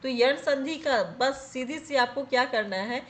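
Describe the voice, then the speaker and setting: A woman with a high-pitched voice teaches a grammar lesson for exam preparation. She explains each rule step by step, often puts a question to her viewers and then answers it herself. She keeps checking in with listeners as she goes. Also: a little slow. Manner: repeats "theek hai" to check in with viewers.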